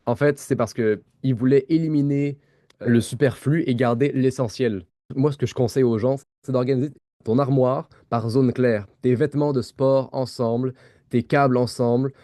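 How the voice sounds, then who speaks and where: A man's voice: medium pitch, fairly even intonation, moderate pace, warm tone, dry recording, studio quality. A man with a Québécois accent co-hosting a podcast, explaining ideas in casual chat with frequent fillers and restarted words. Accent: Québécois French. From Quebec. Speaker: podcast co-host.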